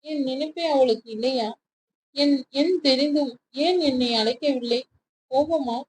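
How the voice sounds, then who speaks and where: A woman's voice: high voice, a little slow, a little hiss or hum, rough recording. A woman voicing a hurt, resentful young woman office worker, speaking in a wounded, questioning way.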